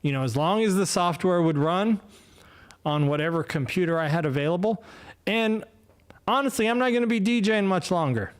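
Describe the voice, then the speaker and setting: Speaking a little fast, this man in his fifties has a smooth, animated voice that sits high. He hosts a casual solo livestream podcast with rambling, self-deprecating talk, many fillers and restarts, using a desk mic and no headphones.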